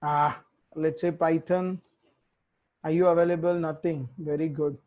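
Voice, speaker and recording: A man's voice: fairly high pitch, little pitch movement, a little slow, muffled recording. A man teaching a live coding tutorial, thinking aloud and correcting himself as he types commands. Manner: thinks aloud, self-correcting, mutters while typing. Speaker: tech instructor.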